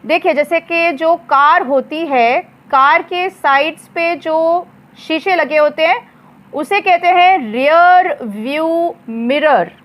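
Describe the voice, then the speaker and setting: A woman teaching English words in a slow lesson, spelling them out letter by letter and repeating each one. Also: high-pitched, fairly bright tone.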